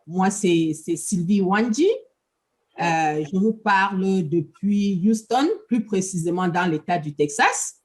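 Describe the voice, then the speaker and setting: A woman's voice: fairly low pitch, takes it slowly. A middle-aged woman from Cameroon answering interview questions politely, hesitating often. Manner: polite, hesitant with many fillers. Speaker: interview guest.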